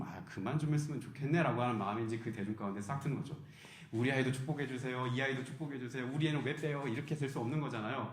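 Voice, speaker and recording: Animated Korean pastor in an echoing church. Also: male voice, mid-range voice. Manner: animated storytelling, acts out quoted voices. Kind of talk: sermon. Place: church hall. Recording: roomy church echo.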